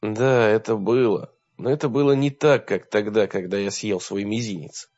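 A man giving a steady, low-key first-person audiobook narration. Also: normal speed. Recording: dull lo-fi recording.

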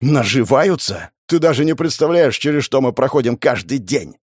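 A man's voice: mid-range voice, lively intonation, moderate pace, husky, dry recording, studio quality. A man voicing a desperate young swordsman. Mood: defiant. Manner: shouting in pain and rage. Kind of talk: audiobook character voicing.

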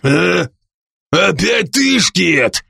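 A man's voice: sits high, big pitch swings, very slow, sharp tone, no room sound, clean studio sound, voice pushed up, full character voice. Man doing a growling drunk tavern lout. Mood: leering drunk. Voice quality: gravelly, growling. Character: drunken leering male tavern brute. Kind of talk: audiobook character voice.

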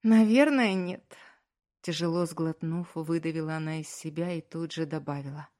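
A woman's voice: low-pitched, level tone, fairly quick, a little mellow, natural voice. A woman reading an audiobook, voicing a young wife who is crying, speaking in a choked voice that keeps breaking into whispers. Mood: tearful. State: crying, sobbing. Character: tearful young wife, fragile and guilt-ridden.

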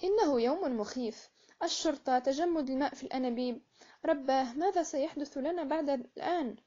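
Flustered young innkeeper, as a narrator puts her on, high fretful voice, muffled. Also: expressive, fast talker, dark tone. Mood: anxious. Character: anxious young woman innkeeper. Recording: muffled lo-fi recording.

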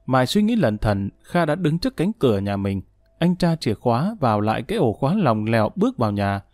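In a dry, studio-quality recording, a man with a mid-range voice narrates an audiobook, reading in an even, measured way.

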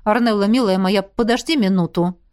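A woman voicing a stern, brooding man who speaks in a low, hushed grumble in an audiobook. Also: brisk, natural voice. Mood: gruff. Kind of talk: audiobook reading.

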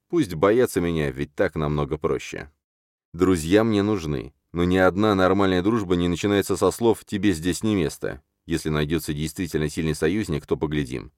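A man reads a first-person audiobook in a sardonic, brash and crude manner. His voice sits very low. The recording is close and dry, with no trace of room echo. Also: a little mellow. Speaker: audiobook narrator.

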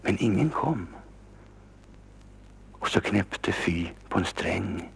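A man reading a children's story aloud, lively and expressive, sometimes dropping to a whisper. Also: sits low, vocal fry, breathy edge. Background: instrumental music.

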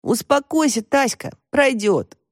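A woman voicing a worldly teenage girl who teases her friend in a brisk, wry way in an audiobook. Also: sits high, lively intonation, dry recording, clean studio sound, pitched above the performer's own voice. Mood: teasing. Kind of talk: audiobook character voice.

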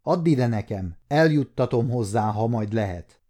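A man's voice: medium pitch, lively intonation, mellow, close to an everyday voice. An adult man voicing a curt, dismissive male gate guard.

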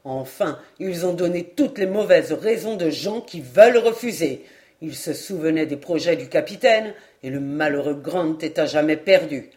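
A woman reading an audiobook, voicing a grim, bitter Scottish lord in a lowered, heavy, curt voice. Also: measured pace, hardly any pauses, warm tone.

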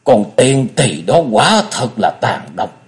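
A man's voice: medium pitch, very animated, measured pace, darkish tone. A man voicing a stern, commanding old matriarch of the martial world in a storybook reading. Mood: bitter. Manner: commanding, wrathful.

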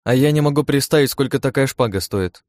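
A man's voice: mid-range voice, fairly quick, darkish tone, no echo, studio quality, voice pushed up, close to an everyday voice. A man voicing a seasoned, envious young woman warrior who grumbles and teases in an audiobook. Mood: teasing. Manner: teasing, grumbling, blunt. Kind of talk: audiobook character voice.

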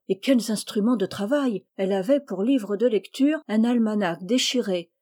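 A woman reads a storybook aloud with calm, measured pacing. Her voice is mellow and warm, at a medium pitch. The delivery is steady and unhurried. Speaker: audiobook reader. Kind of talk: scripted storybook narration.

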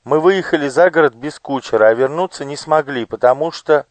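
A man's voice: a little high, fairly quick, no echo, voice pushed up, close to an everyday voice. Timid little storybook girl, eager and pleading, read by a man in a raised voice. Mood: explaining politely.

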